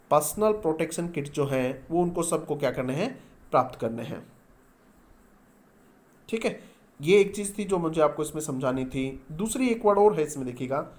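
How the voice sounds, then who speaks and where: A man teaching an English grammar lesson, spelling words letter by letter and answering his own questions. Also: fairly high pitch. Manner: addresses students as "beta". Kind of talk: classroom-style grammar lesson.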